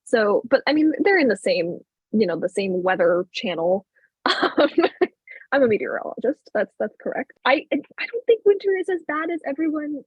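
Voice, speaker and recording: A young-sounding woman from Illinois talks through a panel chat, her voice slightly husky and breathy. She rambles, restarts and fills gaps with little words. The call audio is dull and dry, with no room around it. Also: a little high, very animated, normal speed, no echo. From Illinois, USA. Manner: rambling, lots of fillers and restarts. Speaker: theater apprentice, playwright.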